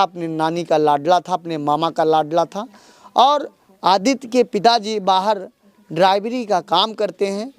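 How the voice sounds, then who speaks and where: A man's voice: sits high, no room sound. A male local news reporter, questioning a grieving family outdoors in a village, then delivering an urgent, accusing report. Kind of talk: field interview and report.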